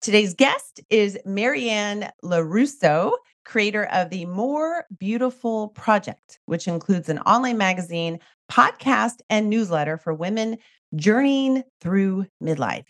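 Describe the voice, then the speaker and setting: A woman's voice: mid-range voice, animated, measured pace. A middle-aged woman hosting a podcast, sounding nasal and congested with a cold as she presents an upbeat introduction. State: under the weather with a cold. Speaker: podcast host.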